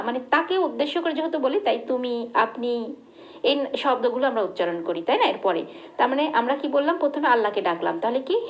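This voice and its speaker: A woman teaching a religious lesson, slowly drilling pronunciation and asking her students questions. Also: high-pitched. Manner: patient, repeats and drills pronunciation, asks the class questions. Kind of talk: slow recitation lesson. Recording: dull lo-fi recording.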